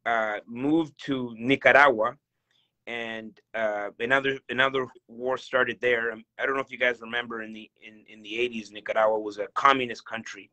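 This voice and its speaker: A man from El Salvador speaking over a video call. His voice is bright and forceful, cheerful, and he laughs often. He talks with plenty of fillers and restarts. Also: medium pitch, fairly even intonation, normal speed. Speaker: guest real estate investor. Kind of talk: casual video call interview.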